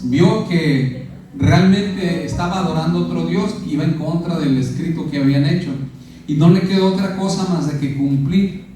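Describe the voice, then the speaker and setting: A man with a Mexican accent preaching a sermon as pastor, often putting questions to his congregation. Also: fairly high pitch. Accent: Mexican Spanish. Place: church sanctuary. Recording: echoey church hall from far off.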